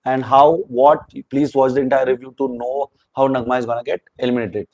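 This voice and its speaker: A man's voice: mid-range voice, level tone, a little fast, darkish tone, no echo, poor audio. A man giving a rambling, opinionated spoken review of a reality show, mixing in Hindi words.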